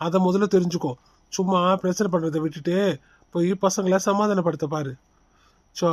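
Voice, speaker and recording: A man voicing a fair-minded father who calmly reasons and lectures his family. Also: a little high, no echo, close to an everyday voice. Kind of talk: cartoon voice acting.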